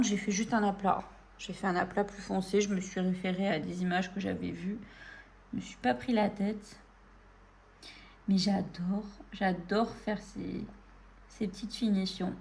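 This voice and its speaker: A woman from France chatting casually to her viewers as she colors, relaxed and full of little fillers and self-talk. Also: medium pitch. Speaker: coloring channel host. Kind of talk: casual chat while coloring.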